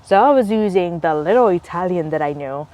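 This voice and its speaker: A woman's voice: fairly low pitch, animated, brisk, mellow. A woman in her thirties hosting a podcast, chatting casually with short, easygoing remarks. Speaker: podcast host. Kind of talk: casual chat.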